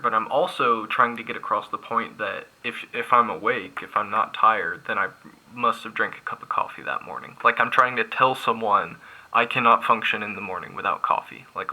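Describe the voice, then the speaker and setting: A man's voice: fairly low pitch, bright, forceful tone, low-quality recording. A man lecturing on logic, thinking aloud with frequent restarts and fillers. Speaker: math instructor. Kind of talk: recorded lecture at a board.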